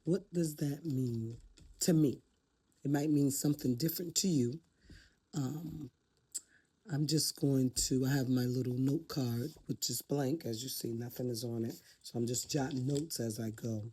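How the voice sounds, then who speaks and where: An older woman vlogger talks to camera off the cuff, sharing life advice in a reflective, heartfelt way. Her voice is very deep, warm and slightly rough, and she speaks a little slowly.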